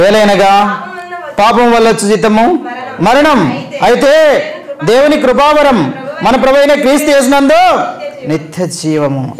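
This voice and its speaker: A man's voice: a little high, poor audio. A man preaching a Christmas sermon, emphatically asking the congregation questions and answering them himself, repeating phrases for stress. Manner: repeats phrases for emphasis, voice rising then dropping at line ends.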